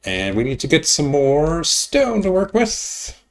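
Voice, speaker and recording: A man's voice: a little high, wildly swooping pitch, slow pace. A man streaming himself playing a game, chatting casually and rambling, mocking himself and muttering asides as he plays at his computer. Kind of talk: casual gameplay commentary.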